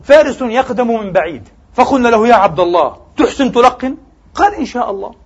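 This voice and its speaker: Guy preaching a friday sermon, high husky voice, muffled lo-fi tape. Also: expressive, quick pace. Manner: emphatic preaching, rising and falling sharply; addresses the congregation as brothers and sisters.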